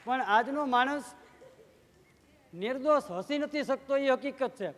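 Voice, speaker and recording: A man's voice: very high-pitched, unhurried, fairly bright tone, long reverb tail, a faint crowd, a little hiss or hum. A man with a Gujarati accent telling comic stories live on stage into a microphone, acting out dialogue between characters in playful shifting tones. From Gujarat, India. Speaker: comedian. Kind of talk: live Gujarati folk comedy storytelling.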